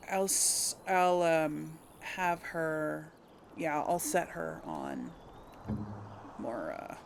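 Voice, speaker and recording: A woman with a lowish voice, vocal fry, and a little hiss or hum hosts a gaming let's play. Her commentary is casual and hesitant as she thinks aloud to viewers while playing.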